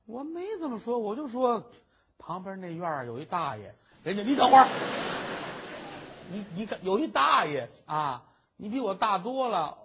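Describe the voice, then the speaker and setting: A man's voice: sits high, sing-song, noisy background, pitched above the performer's own voice. A man voicing a cheeky young maidservant who teases and toys with a nervous suitor, in traditional comic storytelling. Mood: teasing. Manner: teasing, playful, quick-witted.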